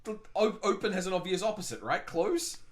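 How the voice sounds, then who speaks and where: Joking man with a lively voice. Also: sits high, fairly quick. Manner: joking, thinks aloud, laughs often. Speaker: let's play host. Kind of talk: casual gameplay chat.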